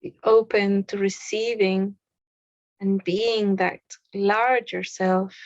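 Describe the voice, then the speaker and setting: A woman leading a guided meditation in a soothing, unhurried way, with pauses between short phrases. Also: mid-range voice, little pitch movement, dry recording, lo-fi sound.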